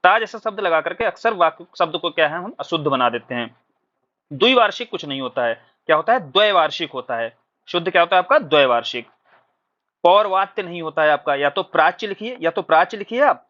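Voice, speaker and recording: A man teaching a recorded exam-prep lesson, explaining patiently and asking questions before answering them himself. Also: sits high. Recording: dull lo-fi recording.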